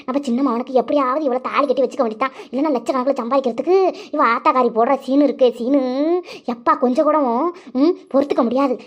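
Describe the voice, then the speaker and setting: A woman's voice: high voice, highs cut off. A woman voicing a grasping, jealous middle-aged village aunt in a cartoon, scolding and wheedling. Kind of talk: cartoon voice acting.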